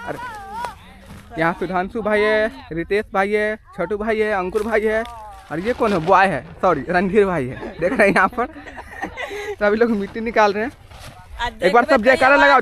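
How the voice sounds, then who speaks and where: A man's voice: high voice, fairly bright tone. A young man casually narrating an outdoor vlog, chatty and teasing, filming on a handheld phone. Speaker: vlogger. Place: outdoors at a riverbank village site.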